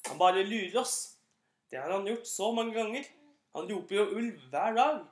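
A woman's voice: mid-range voice, lively intonation, close to an everyday voice. Fed up townsfolk brushing it off, woman reading it, plain mid voice, echoey room. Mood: dismissive. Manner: dismissive, scoffing. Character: annoyed villagers, grown-up townsfolk.

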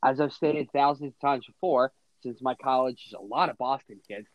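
A man hosts a casual sports podcast, running through game previews before giving blunt, opinionated picks. His voice sits at a middle pitch. The recording is dry and close but dull and lo-fi. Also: moderate pace, no echo. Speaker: podcast host. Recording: dull lo-fi audio.

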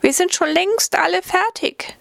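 A woman voicing loaves of bread trapped in an oven, crying out in slow, high, pleading shouts. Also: creaky, no room sound, exaggerated voice. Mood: panicked.

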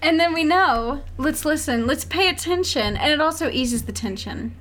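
A woman's voice: sits high, animated, moderate pace, a bit bright. A woman co-hosting a casual podcast chat, giggling and laughing often as she talks. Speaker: podcast co-host.

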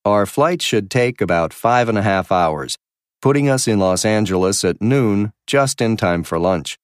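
A courteous male airline captain played by an actor addresses passengers in a fairly low voice. The announcement is formal and carefully enunciated, recorded very dry with no room sound. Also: lively intonation, measured pace, dry recording. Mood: courteous, informative. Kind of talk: scripted announcement.

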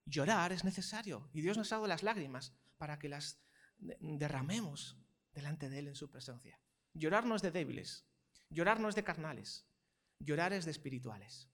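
High-voiced, emphatic male preacher. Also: expressive, normal speed, fairly bright tone. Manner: emphatic, repeats phrases, asks the congregation rhetorical questions. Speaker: pastor. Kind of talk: sermon.

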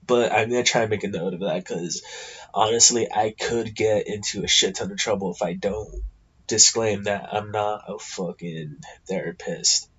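A man's voice: lowish voice, steady tone, moderate pace, a bit bright, breathy edge, highs cut off. An American man with a congested, stuffy nose, hosting a podcast alone in a casual, blunt, sweary ramble. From California, United States. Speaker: podcast host.

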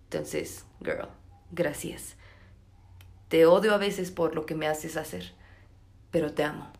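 Young mexican woman rambling about tv, just woke up, kinda low voice, slangy and animated. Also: takes it slowly, gravelly. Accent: Mexican Spanish. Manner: animated, slangy, gasps and exclaims. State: just woken up. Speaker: podcast host. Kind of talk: casual chat, series review.

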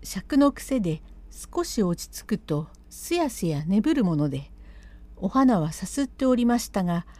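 A woman reading aloud a classic spoken storytelling text in measured, old-fashioned narration. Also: mid-range voice, big pitch swings, dark tone, dry recording.

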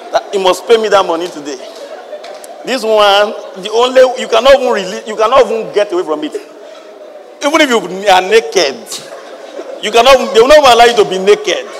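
A man preaching in a high, ringing voice, firing questions at his congregation as he works through the verses. His words carry the long echo of a big hall. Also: animated, moderate pace, slight background noise. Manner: emphatic, rhetorical questions to the congregation. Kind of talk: lively sermon with Bible reading.

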